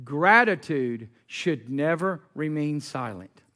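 A male pastor with a high, bright voice delivers a sermon in a church. He repeats key lines for emphasis and builds to ringing shouts with call-and-response. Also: expressive, slow. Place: church sanctuary.

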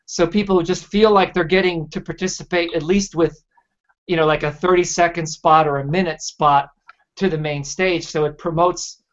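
A man hosting a casual video-call conversation, telling stories in a rambling, enthusiastic way. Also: fairly high pitch. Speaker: host. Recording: dull lo-fi video-call audio.

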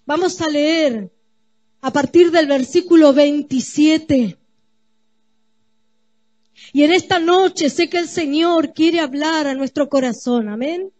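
A woman pastor preaches in a high voice, unhurried and deliberate. She leans on repeated phrases and speaks straight to the congregation. The sound is dry and close. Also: a little mellow, no echo. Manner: emphatic, repetitive preaching that addresses the congregation. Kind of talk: sermon. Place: church.

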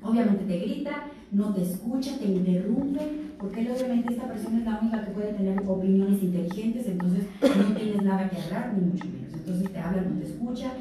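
A woman's voice: medium pitch, a little fast, few pauses, warm tone. Echoey Mexican woman giving a youth talk. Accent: Mexican Spanish. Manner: conversational, acts out quoted abusers and victims. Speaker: speaker at a health fair talk for teens. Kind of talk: informal lecture to teenagers. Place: event room. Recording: very echoey room, distant mic, faint noise.

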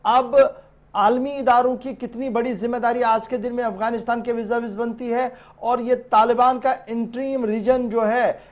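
A man in his thirties anchoring a TV news bulletin from a studio, formal and measured, handing over to a correspondent. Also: extremely high pitch, a little mellow. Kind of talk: Urdu-heavy newsreading and live cross.

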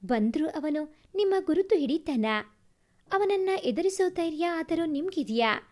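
A woman voicing a calm, concerned grown male colleague who questions gently. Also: very high voice, measured pace.

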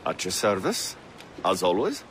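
An actor playing a courteous, wry eighteenth-century naval captain with a formal manner in a video game. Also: male voice, sits low, wildly swooping pitch, measured pace, fairly bright tone, a little hiss or hum, exaggerated voice. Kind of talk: video game cutscene acting.

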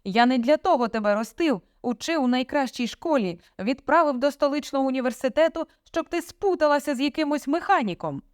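A woman's voice: sits high, expressive, brisk, few pauses, no echo, pitched above the performer's own voice. Brief: woman doing an angry, sarcastic storybook father, raised and strained, dry close sound. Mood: furious. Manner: shouting, sarcastic, commanding. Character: stern domineering middle-aged father, furious.

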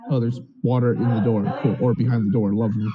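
A man's voice: medium pitch, level tone, quick pace, crowd noise. A man chatting casually as a player in a tabletop game. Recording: dull video-call audio.

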